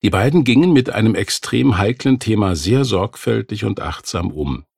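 Gravelly, husky-voiced man narrating calmly. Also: lowish voice, no echo, studio quality. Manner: calm, measured reading. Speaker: audiobook narrator. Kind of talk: scripted narration.

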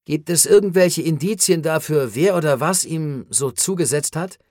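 An anxious, agitated man fires off worried questions in a raised voice, as a male narrator plays him. His pitch sits above the narrator's own. The sound is dry and close. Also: normal speed, a little mellow, no echo, close to an everyday voice. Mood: questioning.

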